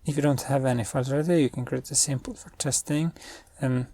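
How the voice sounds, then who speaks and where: A web developer who hosts his own channel narrates a screen-recorded coding tutorial, thinking aloud as he gives spoken commands. His voice is slow and gravelly yet pitched on the high side, with a warm tone. Norwegian is his first language.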